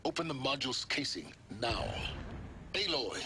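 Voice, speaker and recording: Man playing a brusque guide, animated, noisy backdrop. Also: medium pitch, moderate pace, lightly acted. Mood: stern, impatient. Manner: clipped, dry, impatient. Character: brusque, commanding, secretive male guide giving orders. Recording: game audio under loud background noise.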